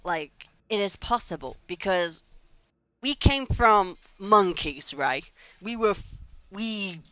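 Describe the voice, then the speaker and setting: A woman's voice: mid-range voice, expressive, slow pace, fairly bright tone, poor audio. A woman, rambling chattily over gameplay with restarts and giggles. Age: 20s. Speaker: gaming channel host. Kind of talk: casual gameplay commentary.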